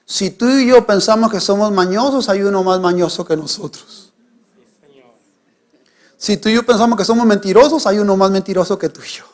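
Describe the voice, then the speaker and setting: A middle-aged male pastor, preaching a sermon. He swings from hushed, quiet lines to sudden loud, raised ones. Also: high voice, normal speed.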